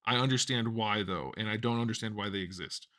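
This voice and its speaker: Man, live-stream host, bright voice, blunt, laughs easily, casual chat. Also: lowish voice. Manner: blunt, quick to laugh, thinks aloud with fillers.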